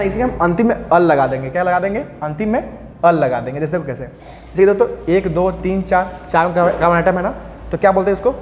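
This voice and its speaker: A high-pitched male teacher runs a chemistry lesson, putting questions to the class and answering them himself. His voice rings through a roomy space with a long reverb tail. A faint hiss sits behind him. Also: a little mellow. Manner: counts atoms aloud while drawing. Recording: roomy echo, faint background noise.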